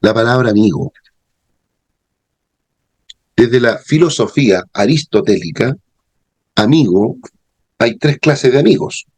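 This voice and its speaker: A man's voice: medium pitch, expressive, slow pace, long pauses, darkish tone, breathy edge, no room sound. A man teaching a theology class, explaining terms and checking in with his students. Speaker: theology professor. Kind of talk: classroom lecture.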